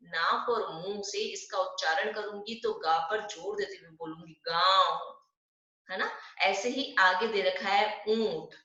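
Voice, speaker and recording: A woman teaching a primary school Hindi class online, asking questions and answering them herself, drawing out sounds slowly. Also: medium pitch, sharp tone. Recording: dull lo-fi echoey room.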